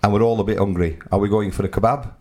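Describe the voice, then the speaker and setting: Low-voiced man with faint background hiss. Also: steady tone, very fast. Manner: asks playful hypothetical questions. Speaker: podcast co-host. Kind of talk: casual chat.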